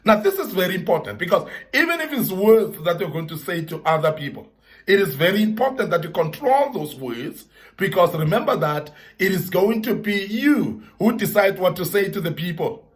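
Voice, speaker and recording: Man, high voice, earnest motivational speaker who leans on repetition and scripture. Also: sing-song, moderate pace. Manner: earnest, repetitive emphasis, Bible references. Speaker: speaker giving advice to young men. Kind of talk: motivational talk.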